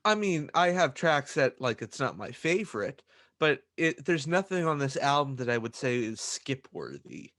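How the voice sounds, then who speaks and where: A young man co-hosting a music podcast in easygoing conversation. His voice sits at an ordinary pitch for a man, and he stumbles and repeats words as he starts his thoughts. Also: big pitch swings, normal speed, fairly bright tone. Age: young adult. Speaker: podcast co-host. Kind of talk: casual chat.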